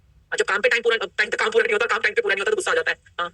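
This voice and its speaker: Brief: woman workshop coach on a video call, tense, bright delivery, coaxing the group with questions, dry close sound. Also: mid-range voice, rapid-fire, husky, no room sound. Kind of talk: live online workshop teaching. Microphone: laptop mic on a video call.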